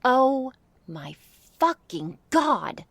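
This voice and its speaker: This irritated vampire character, voiced by a woman in an ASMR roleplay, taunts sarcastically with jealous menace and frequent breathy hisses. She uses a full character voice that is high, a bit bright, and sing-song, drawing out her words with no room sound.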